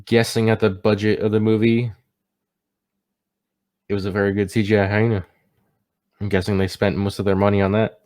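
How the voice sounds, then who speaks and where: A man's voice: on the low side, flat delivery, normal speed, pauses often, darkish tone. A man giving a casual, unscripted movie review, sounding tipsy as he stumbles over words and catches himself.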